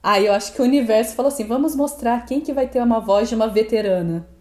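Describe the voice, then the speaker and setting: Brazilian lady podcast cohost, slightly high voice, thoughtful earnest chat, pretty echoey. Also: fast talker, mellow. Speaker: podcast co-host, animal protection advocate. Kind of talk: conversational pet podcast talk. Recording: roomy, echoing voice recording.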